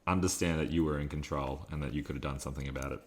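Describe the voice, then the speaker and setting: Male co-host with a very deep voice, blunt, emphatic and plain-spoken. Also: steady tone, rapid-fire. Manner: blunt and emphatic, drops low when making a point. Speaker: podcast co-host; teacher. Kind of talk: casual chat.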